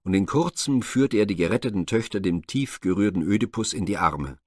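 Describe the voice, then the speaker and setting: A man narrating a classic Greek myth as a scripted audiobook reading, measured and formal. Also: on the low side, expressive, no echo, studio quality.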